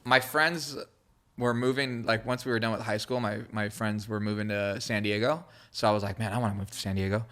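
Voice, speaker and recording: This man's voice sits low and a bit bright, with fairly even intonation and a brisk pace. A native Hebrew speaker who was born in Israel and grew up in California, he's a creative director guesting on a podcast, spinning casual, meandering stories full of slangy fillers and mid-thought restarts.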